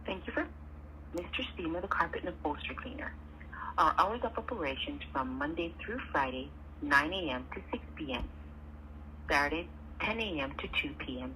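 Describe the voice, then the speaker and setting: A woman reading a recorded business voicemail greeting, heard over a landline phone in an even, scripted way. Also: low-pitched, normal speed, slight background noise, rough recording. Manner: even, scripted announcement delivery. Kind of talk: recorded answering-machine message.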